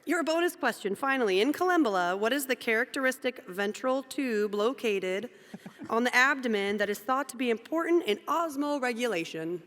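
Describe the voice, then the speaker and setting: Bright-voiced lady running a quiz show, fairly high, playful asides, big echoey hall. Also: lively intonation, normal speed. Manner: playful, self-joking between questions. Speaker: quiz moderator. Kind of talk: reading quiz questions aloud. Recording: long hall reverb.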